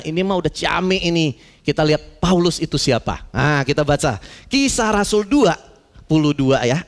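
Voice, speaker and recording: Male pastor, high-voiced, animated and conversational sermon style. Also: big-room sound. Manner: animated, conversational preaching with slang and acted-out stories.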